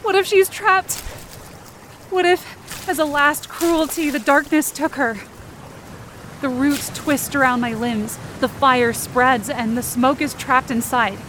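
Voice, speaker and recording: Her high-pitched, fairly bright voice moves slowly as she performs her own scripted fiction podcast. The narration is first-person, intense and theatrical, built from short dramatic sentences, with slight background noise underneath.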